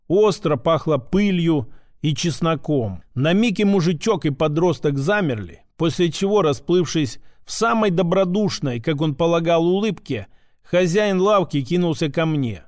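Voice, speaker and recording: A man reading a first-person audiobook in a measured, even storytelling manner. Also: fairly high pitch, no room sound, clean studio sound. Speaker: audiobook narrator.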